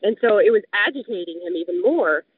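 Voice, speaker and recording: A guest describes her narrow escape in casual, vivid storytelling, dropping "like" often as a filler. Her medium-pitched voice is expressive, brisk, and slightly rough. There's no echo, and the audio is dry with a tinny, phone-like tone.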